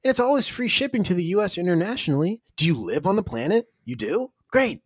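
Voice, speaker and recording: A man's voice: high-pitched, very animated, fast, breathy edge, dry recording, clean studio sound. A man co-hosting a podcast, joking and mock-exasperated as he riffs through a comedic ad read and banter. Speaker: podcast co-host reading a sponsor ad.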